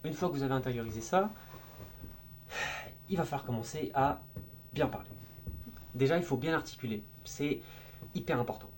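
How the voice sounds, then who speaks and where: A man with a mellow, warm voice walks through speaking advice in a relaxed, informal way. He talks with plenty of expression and now and then drops a crude word. A faint hum sits behind him. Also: mid-range voice, normal speed, long pauses. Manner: lively, demonstrates voices and tones as he explains; informal, occasional crude slang. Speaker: video creator giving speaking tips. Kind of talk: casual explainer video.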